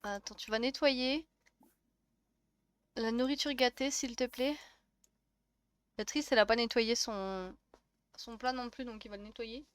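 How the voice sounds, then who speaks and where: Femme bavarde au timbre aigu. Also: female voice, a little high, steady tone, measured pace, long pauses, smooth, no echo. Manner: chatty, laughs often, teasing the game characters. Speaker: streamer. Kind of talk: casual let's-play commentary.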